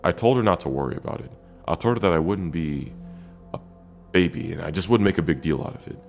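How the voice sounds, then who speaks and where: Casting: male horror storyteller, extremely low gravelly voice, dramatic and deliberate, over faint music. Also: expressive, darkish tone. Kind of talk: first-person scary story narration.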